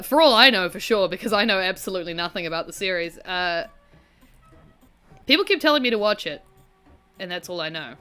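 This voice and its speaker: A woman's voice: on the low side, bright, forceful tone, clear, resonant tone. A woman with a broad rural New Zealand accent giving casual gameplay commentary in a rambling, sweary, self-deprecating way. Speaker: gaming video host.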